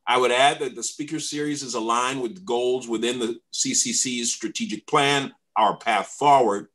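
A man's voice: mid-range voice, fairly bright tone, poor audio. A man giving a trustee's foundation report at an online board meeting, reading prepared remarks steadily over a video call. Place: home room on a video call.

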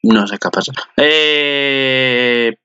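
A man's voice: medium pitch, slow pace, pushed and bright, clean tone, muffled recording. A man hosting his own channel, rambling through casual commentary with crude jokes and lots of fillers. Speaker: channel host. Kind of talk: casual commentary on an anime preview.

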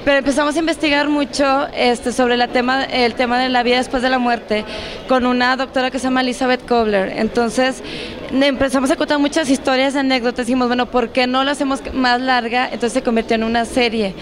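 A young Mexican woman, an actress and series creator, gives a press interview into a handheld reporter mic at an indoor event press wall, with crowd chatter behind her. Her high-pitched voice is steady and brisk, earnest and reflective with fillers, and there's slight background noise.

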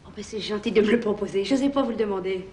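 Actrice en cheffe d'agence cajoleuse, parle vite, petit souffle de fond. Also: female voice, medium pitch, racing, mellow, slight background noise, close to an everyday voice. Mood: coaxing. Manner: coaxing, wry. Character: persuasive female agency boss. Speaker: boss of an insurance investigation firm.

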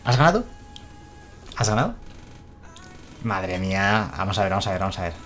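A man's voice: low-pitched, fairly even intonation, very fast, a bit bright, faint music behind. A man from Spain, chatting casually on a live stream and reading out chat messages.

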